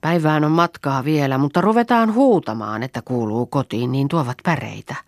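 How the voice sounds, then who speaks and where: A woman voicing a frightened farm girl lost in the forest at night, calling out loudly to urge the others on. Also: a bass voice, animated, no room sound, clean studio sound. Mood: urging. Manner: calls out loudly, urging the others on.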